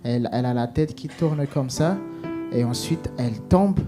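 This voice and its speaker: A man giving an emotional personal testimony, halting with many restarts and fillers, acting out what was said. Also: mid-range voice, over music.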